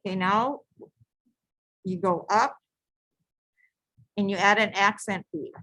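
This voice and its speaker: A woman leads a live beading lesson from her craft table, talking slowly and calmly through each step. She repeats each instruction and now and then restarts a phrase. Her voice sounds close and dry, with no room echo. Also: mid-range voice. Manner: patient, repetitive step-by-step instructions with self-corrections.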